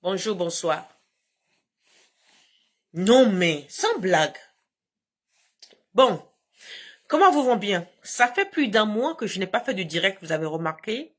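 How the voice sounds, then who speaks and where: A woman's voice: medium pitch, sing-song, slow, long pauses. A woman hosting a casual live stream from home on her phone, talking in a combative, emphatic way with frequent laughs.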